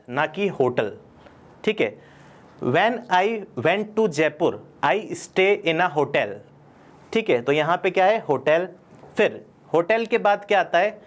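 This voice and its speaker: A man with an Indian accent teaching a spoken English class, explaining step by step and answering his own questions. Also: high voice. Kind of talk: classroom lesson in Hindi.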